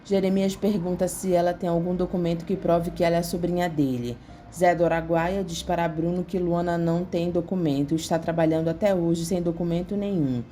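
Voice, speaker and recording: A woman with a Brazilian Portuguese accent narrating a soap opera recap in a steady, even reading. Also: on the low side. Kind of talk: scripted narration. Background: faint music.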